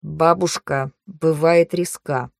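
A woman's voice: low-pitched, fairly even intonation, slow pace, creaky, a little mellow, no echo, studio quality, full character voice. Woman voicing a haughty young nobleman. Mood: cold. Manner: curt, scolding.

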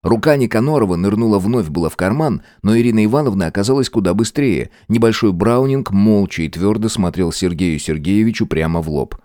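A man reading an audiobook aloud in a measured, expressive way. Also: on the low side, dry recording, studio quality. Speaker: audiobook narrator. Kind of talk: audiobook narration.

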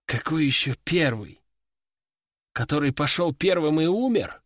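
Brief: sharp doubting young woman soldier, read by a male narrator, dry close mic. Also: on the high side, lively intonation, unhurried, no room sound. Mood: skeptical. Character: sharp, skeptical young female fighter.

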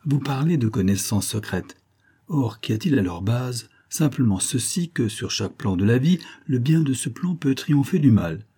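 A man's voice: mid-range voice, animated, normal speed, dark tone, husky, voice pushed up. A man voicing a stern elderly scientist who speaks in solemn, commanding pronouncements, read in an audiobook. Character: stern elderly male scientist wielding occult power.

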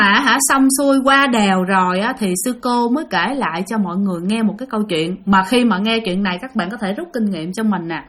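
A woman's voice: mid-range voice, a bit bright. Chatty woman storyteller. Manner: chatty, addresses listeners directly. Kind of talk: spoken ghost storytelling.

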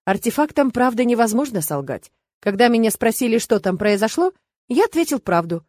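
A woman voicing a confident, teasing young male emperor in an audiobook, with a lively, raised delivery and a wry edge. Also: on the high side, a little fast, no echo. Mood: assured, teasing.

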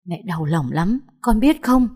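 A woman voicing a distraught, hot-tempered middle-aged mother who wails and shouts back, in a storybook reading. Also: lowish voice, lively intonation, measured pace, husky, exaggerated voice. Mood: hurt. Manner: wailing and defiant.

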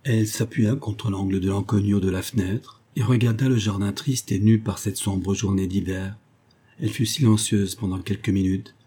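A man narrating an audiobook of a classic novel in a measured, even reading. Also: lowish voice, husky. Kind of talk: scripted literary narration.

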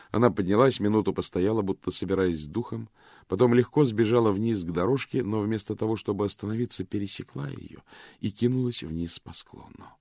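A man narrating a story in a measured, even reading. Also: on the low side, dry recording, studio quality. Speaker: audiobook narrator. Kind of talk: scripted narration.

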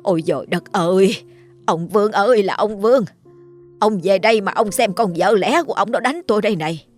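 A woman's voice: expressive, moderate pace, soft background music. A woman playing a spiteful scolding first wife. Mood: wailing. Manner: shrill, scolding, theatrical wailing. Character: scheming, mocking older first wife.

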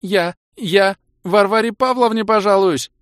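A man's voice: sits high, unhurried, smooth, no echo, clean studio sound, voice pushed up. A man reading an audiobook, voicing an indignant young woman who protests shrilly.

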